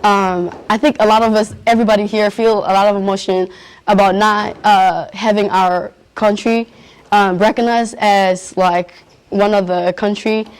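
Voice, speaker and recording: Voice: mid-range voice, level tone, moderate pace, clean tone, poor audio. A young adult, answering interview questions earnestly and searching for words. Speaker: youth interviewee at a community event.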